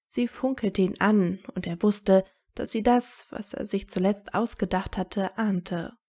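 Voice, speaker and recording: Woman reading a story, dark gravelly tone. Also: medium pitch, unhurried. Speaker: fan fiction reader. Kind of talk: audiobook reading of fan fiction.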